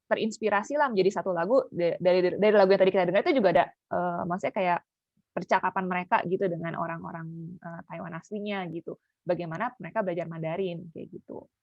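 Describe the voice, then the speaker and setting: A woman's voice: mid-range voice, gravelly. A young adult woman presenting at a seminar in a casual academic talk, chatty, with many filler tags at the end of her phrases.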